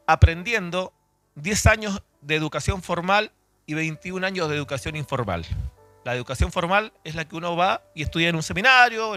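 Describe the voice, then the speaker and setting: Fairly high-pitched and fairly bright, this voice belongs to a Chile-born man in his forties who grew up in Argentina. Teaching doctrine conversationally in a church hall, he often restarts and corrects what he's saying.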